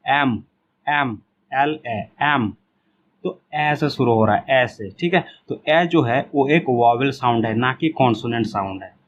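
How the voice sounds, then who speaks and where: Patient male teacher explaining grammar slowly. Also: medium pitch, muffled recording, a little hiss or hum. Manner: patient, repeats words slowly, asks and answers his own questions. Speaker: English teacher. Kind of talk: classroom lesson explaining grammar.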